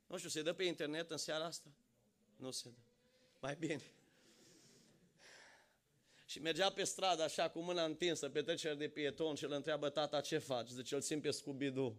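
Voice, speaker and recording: A man preaching a sermon, swinging from fervent shouting to quiet, conversational storytelling. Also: fairly high pitch. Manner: impassioned, rising to shouts.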